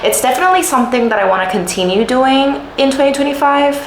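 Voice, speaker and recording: A young woman from Puerto Rico giving a chatty life-update vlog, animated, often laughing and full of "like" fillers. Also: high-pitched, fast. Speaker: vlogger. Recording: roomy echo, faint room noise.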